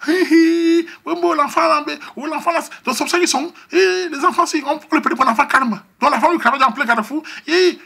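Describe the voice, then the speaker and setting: A man voicing excited, gossiping neighborhood mothers who squeal and exclaim. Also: extremely high pitch, a little fast, gravelly, few pauses, pitched above the performer's own voice, exaggerated voice.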